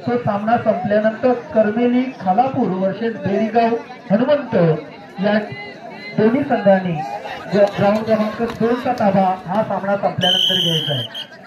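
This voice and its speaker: Male tournament announcer over an outdoor loudspeaker: formal, drawn-out calls, echoing with a loud crowd. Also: high-pitched. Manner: formal, drawn-out calling of team names. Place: outdoor kabaddi ground.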